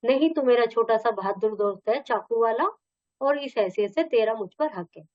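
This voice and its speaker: A woman's voice: on the high side, moderate pace, dry recording, natural voice. A woman reading the lines of a fierce male warlord from a textbook story, in a dull, dry recording. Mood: commanding. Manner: reading dialogue aloud from a textbook. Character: fierce male conqueror, warlord, softened by a boy's courage.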